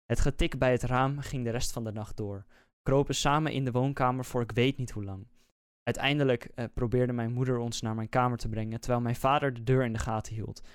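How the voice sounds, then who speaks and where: A man, a podcast host, reading a scary story aloud in a slow, measured, suspenseful way. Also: mid-range voice, steady tone, smooth, no echo, clean studio sound. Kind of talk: scripted horror story narration.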